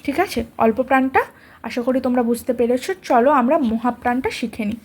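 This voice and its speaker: Female teacher, high register, patient and repetitive, spells out each letter slowly and checks in with students. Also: steady tone, darkish tone, slightly rough. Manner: patient, repeats letters slowly, asks "ঠিক আছে?". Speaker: grammar teacher. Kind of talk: explaining a lesson to students.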